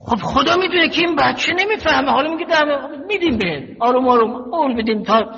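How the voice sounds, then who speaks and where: An older male cleric giving a slow, measured religious sermon, teaching through stories and quotations. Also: extremely high pitch, animated, pushed and bright. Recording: dull lo-fi recording in a reverberant hall.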